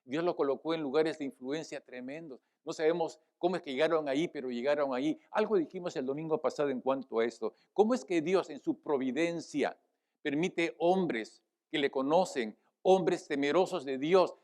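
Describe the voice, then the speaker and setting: A man preaching a sermon as pastor, swelling loud on key phrases, then easing back into a quieter teaching tone, often asking the congregation to agree. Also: a little high, normal speed. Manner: asks the congregation "¿verdad?" and addresses them as brothers. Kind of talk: Spanish-language sermon.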